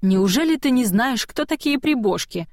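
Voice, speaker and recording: A woman's voice: mid-range voice, moderate pace, darkish tone, dry recording, lightly acted. A woman voicing a stern old female witch healer, dry and commanding, in an audiobook. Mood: curt. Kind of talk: audiobook reading.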